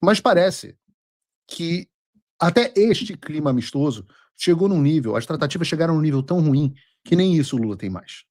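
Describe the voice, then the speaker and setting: A man with a Brazilian Portuguese accent hosts opinionated political commentary, sarcastic and mocking, translating clips aloud. His voice is a little high and darkish, with lively intonation and normal speed, in a dry, clean studio recording.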